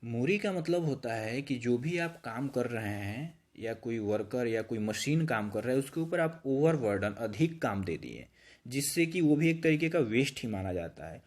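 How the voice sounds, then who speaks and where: A man with a Hindi accent teaches in a patient, steady way. He talks at an ordinary, mid-range pitch, and he breaks each idea down with simple everyday examples, like a trainer on a shop floor. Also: moderate pace. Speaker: YouTube instructor. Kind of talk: explanatory lesson.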